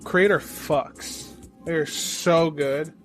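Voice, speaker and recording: A man with a somewhat high voice co-hosts a casual podcast chat. He talks in an enthusiastic, profane, rambling way, leaning on fillers, and faint music sits behind him. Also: fairly even intonation, extremely slow. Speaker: podcast co-host.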